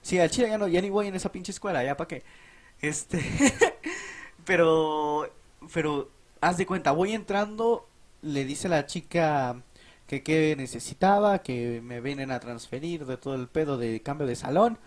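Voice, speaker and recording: A young man with a Mexican Spanish accent tells a podcast story about his school days, casual, profane, animated, and laughing. He speaks slightly high and a bit slowly.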